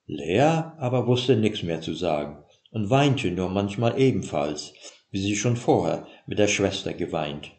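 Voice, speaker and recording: Man narrating a story in a roomy echo. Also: deep voice. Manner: measured, expressive reading. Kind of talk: storytelling reading.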